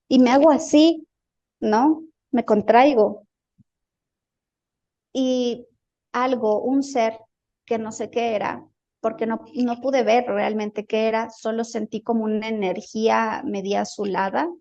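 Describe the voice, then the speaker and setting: A woman's voice: a little high, fairly even intonation, moderate pace, dark tone, muffled recording. A woman in an interview, telling a personal experience in a casual, hesitant way and repeating words as she searches for them. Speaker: guest recounting a healing experience.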